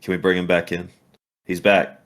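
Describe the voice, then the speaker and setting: A man's voice: deep voice, completely flat delivery, moderate pace, fairly bright tone. A man in a casual chat who rambles and restarts his sentences. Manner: rambling, full of fillers and restarts.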